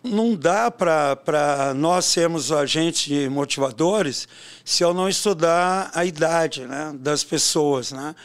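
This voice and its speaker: Older man with a high, smooth voice. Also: takes it slowly. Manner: animated storyteller, peppers talk with tag questions. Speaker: swimming coach and educator. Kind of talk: casual interview talk.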